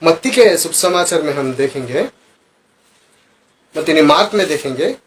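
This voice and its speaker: A male pastor giving a sermon, asking the congregation questions and swinging between loud emphatic phrases and quiet asides. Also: fairly high pitch, lively intonation, normal speed, a little hiss or hum. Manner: preaching with rhetorical questions to the congregation.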